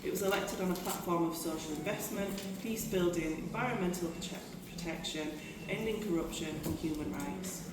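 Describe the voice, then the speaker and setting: Chairing a fringe meeting at a conference, this British union general secretary reads scripted remarks on the low side, at normal speed with few pauses, often restarting and turning to the audience for asides. Her voice sounds distant in a noisy, echoey hall.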